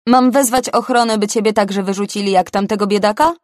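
A woman voicing a harsh, bossy female club manager who shouts and scolds. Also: mid-range voice, steady tone, fairly quick, dry recording, clean studio sound, close to an everyday voice. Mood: scolding.

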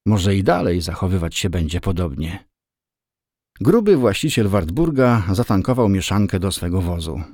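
A man giving a steady, measured scripted audiobook narration. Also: sits low, no room sound, studio quality.

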